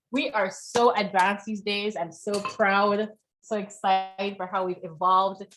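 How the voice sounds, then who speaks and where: A woman's voice: medium pitch, fairly bright tone, slight background noise, low-quality recording. A woman leading a live online cooking class, chatty and encouraging, often checking in with her students.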